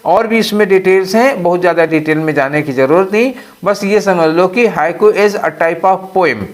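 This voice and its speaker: Man, high-pitched voice, English teacher, exam-prep lesson, asks and answers own questions. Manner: slows way down to read out English phrases.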